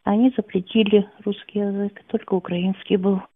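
A schoolteacher of Russian from Donetsk, in eastern Ukraine, calls in on a tinny phone line for an unscripted conversation. Her medium-pitched voice is flat and moves at normal speed, with crowd noise in the background.

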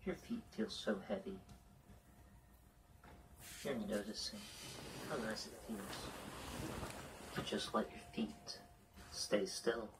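A man guiding a listener into hypnosis with slow, soothing, repetitive suggestions. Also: lowish voice, expressive, recorded from a distance, noisy background. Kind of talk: guided hypnosis induction.

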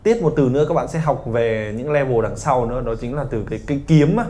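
Lively Vietnamese teacher with a mellow voice. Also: male voice, mid-range voice, fast. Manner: lively, joking, teasing students. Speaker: English teacher. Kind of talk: classroom lesson. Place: classroom.

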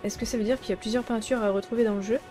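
Woman, gaming streamer, casual let's play commentary, chatty, exclamatory, higher voice, game music behind. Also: fairly even intonation, rapid-fire, warm tone. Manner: chatty, exclaims often, talks to viewers and to game characters.

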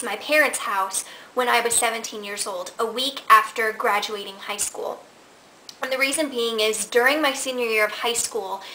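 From her living room, a twenty-something Nebraska vlogger answers questions casually and tells stories to a camera at desk distance ahead of her. She has a fairly high voice and an animated, chatty style with hand gestures, but the low-quality recording has slight background noise.

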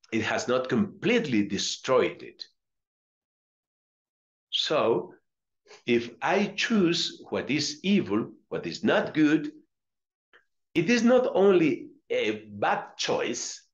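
In a small indoor room with curtains, a middle-aged friar from Colombia reads aloud and deliberately explains a religious lesson in Spanish-accented speech, repeating phrases to stress them. He has a mid-range voice, and the sound is lo-fi.

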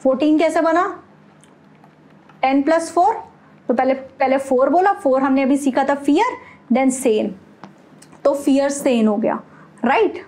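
High-voiced woman teaching a lesson. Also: a little slow, long pauses, darkish tone. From India. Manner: asks questions then answers them herself, mixing in English words. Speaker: German language teacher. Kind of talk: explaining a language lesson step by step.

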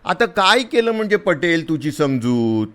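A man playing a big, rough soldier who is blustering but kind, talking loudly in a scolding, teasing way. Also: mid-range voice, big pitch swings, measured pace, pitched above the performer's own voice.

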